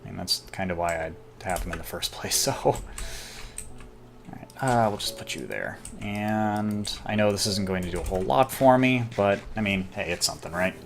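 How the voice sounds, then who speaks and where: A casual gamer narrating his own gameplay, chatty and self-deprecating, with excited outbursts. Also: low voice, moderate pace, creaky. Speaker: gameplay commentator. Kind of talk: casual let's-play commentary.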